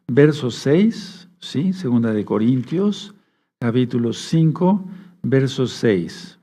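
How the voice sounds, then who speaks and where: A man preaching a Bible study sermon, reading verses aloud slowly and often checking that his listeners follow along. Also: medium pitch, warm tone. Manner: reads scripture aloud slowly. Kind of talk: sermon teaching.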